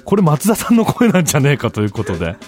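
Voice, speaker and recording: Loud, animated male comedian host. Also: a little high, rapid-fire, faint music behind. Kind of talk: casual radio-style monologue.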